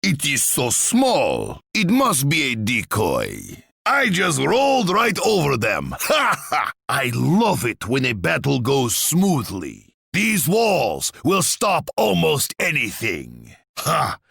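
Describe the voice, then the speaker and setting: Ivan the Terrible, gravelly, slow, wildly theatrical. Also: male voice, mid-range voice, wildly swooping pitch, a bit bright, dry recording, studio quality, exaggerated voice. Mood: mocking. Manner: theatrical, pompous, relishing threats. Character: boastful, menacing Russian tsar and warlord, imperious and gleeful. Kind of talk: video game character voice lines.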